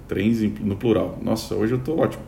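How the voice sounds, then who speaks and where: A man's voice: on the low side, moderate pace, vocal fry, warm tone, roomy sound, slight background noise. A man hosting a casual news roundup, chatty, with many fillers and restarts. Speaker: podcast host.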